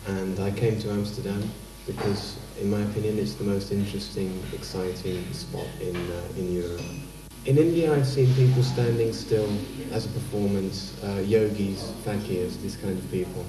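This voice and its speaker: A man speaks in a very deep, flat voice, calm and hesitant, filling his pauses with ums and uhs. He is picked up from a distance in a roomy, echoey space. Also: over music. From France, raised in England. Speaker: street performer interviewed. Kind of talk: TV interview. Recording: roomy echo, distant mic.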